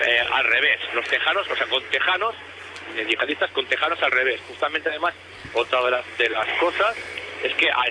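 A man from calling in to a radio show over the phone, talking in a halting way and piling up details with many restarts. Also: medium pitch, pushed and bright, slight background noise. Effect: heard over a phone line. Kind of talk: call-in conspiracy talk.

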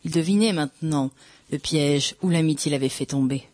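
Slow, measured literary narrator. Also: mid-range voice, a little mellow, no echo. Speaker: audiobook reader. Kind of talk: first-person literary narration.

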